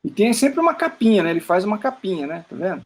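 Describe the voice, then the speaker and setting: A Brazilian poet with a high-pitched, sing-song voice talks at a quick pace about his book. It's a casual interview where he shows his work on screen. Speaking Brazilian Portuguese, he rambles, repeats himself in stammers, and says "né?" often.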